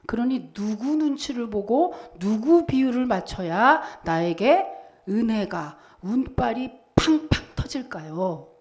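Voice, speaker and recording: A woman pastor preaches a Sunday sermon, swinging between loud emphatic bursts and quiet, intimate asides. Her voice sits high. She acts out mocking lines with theatrical flair. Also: lively intonation, slow. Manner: dramatic preaching, acting out mocking quotes. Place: church.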